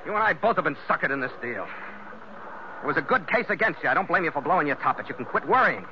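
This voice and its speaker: An actor playing a tough, terse ship's skipper in a hard-boiled 1940s radio style. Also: male voice, fairly high pitch, lively intonation, fast, close to an everyday voice. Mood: urgent. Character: tough, weary, decisive male ship's skipper. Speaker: lead actor and narrator. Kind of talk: 1940s radio acting with first-person narration. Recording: muffled, very noisy old radio recording.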